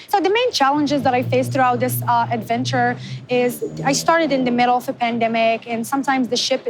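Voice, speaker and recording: High-voiced woman from Morocco. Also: slight background noise, rough recording. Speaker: guest, business founder. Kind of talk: conversational interview.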